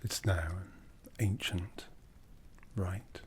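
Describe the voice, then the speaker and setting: With slight background noise behind him, a man speaks at a low pitch as a courtly, commanding, softly menacing ancient vampire lord who broods. This ASMR roleplay has him hushed, breathy and solemn, easing into whispers in a deliberate, intimate manner.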